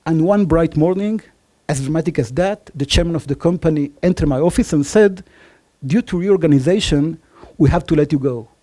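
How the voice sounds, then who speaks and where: On a conference stage, an Argentine man in his forties pitches his startup, his accent a mix of Israeli and Spanish. He fills his speech with many fillers and self-deprecating jokes. His delivery is a little fast and mellow.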